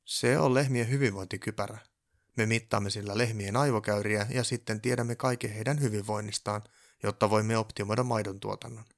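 A man voicing a loud, pompous elf who tinkers with gadgets and talks with overconfidence. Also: on the low side, fairly even intonation, gravelly. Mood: self-assured. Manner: loud, self-assured, pompous.

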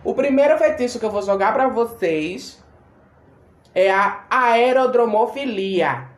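Woman podcast host, lively storyteller who mimics voices; roomy echo on the recording. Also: on the high side, slow pace. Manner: animated, acts out quoted voices. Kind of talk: casual storytelling chat.

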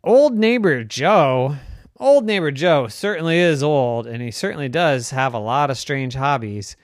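A man voicing a worried, fussy father unicorn who talks high and sounds alarmed and doubtful. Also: expressive, measured pace, dry recording, clean studio sound. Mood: fretful.

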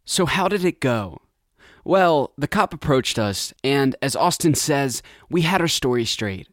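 A man in his twenties narrating a scripted documentary story in a measured, reflective way. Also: mid-range voice, lively intonation, no echo, clean studio sound. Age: 20s. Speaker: narrator and reporter.

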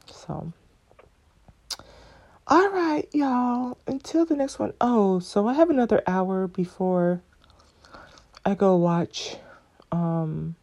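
Mellow-voiced woman chatting casually. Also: lowish voice. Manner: chatty, playful, rambling with fillers. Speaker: podcast host. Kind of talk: casual chat.

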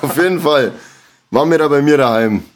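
A man's voice: fairly high pitch, brisk. A man, co-hosting a casual podcast, telling a story and laughing often. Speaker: podcast co-host.

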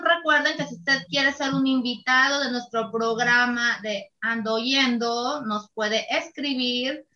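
Woman radio host, bright higher voice, slightly dull audio. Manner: chatty, laughs often. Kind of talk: casual radio talk show.

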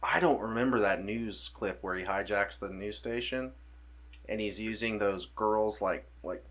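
A man's voice: on the low side, unhurried, a bit bright. A man in a casual podcast chat, blunt and swearing freely while talking about a film.

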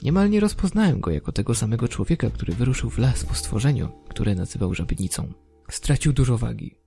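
A man narrating a horror story in a dry, deadpan manner. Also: medium pitch, fairly quick, vocal fry, soft background music.

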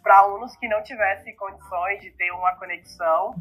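A woman's voice: mid-range voice, fairly even intonation, a little fast, a bit bright, breathy edge, rough recording. A woman with a Brazilian Portuguese accent, speaking indignantly in a casual podcast chat. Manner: indignant, critical.

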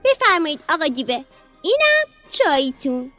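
A woman doing a cheeky, high little girl. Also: sing-song, sharp tone, soft background music, heavily acted. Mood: cheeky bossy. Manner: quick bossy and chirpy. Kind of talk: children's storybook narration.

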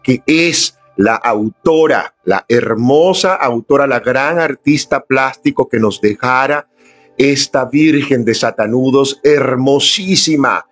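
A man's voice: medium pitch, slow pace, soft background music. A man leading a live-streamed devotional prayer, speaking earnestly and inviting his viewers to join in. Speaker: prayer leader. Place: indoors at home, filming on a camera.

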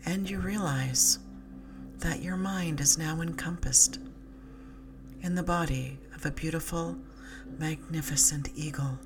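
A woman narrating a sleep story as a guided relaxation, in a soothing, hushed, breathy voice that often softens into a whisper. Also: deep voice, background noise. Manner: soothing, hushed, breathy delivery with soft whispery phrase endings. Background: slow music with drum beat.

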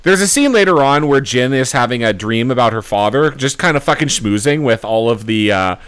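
A man with a clear, resonant voice at an ordinary pitch recaps a movie for a podcast. He is laid-back and chatty, filling pauses and swearing lightly. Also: animated, fairly bright tone. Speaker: podcast co-host. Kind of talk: casual movie review chat.

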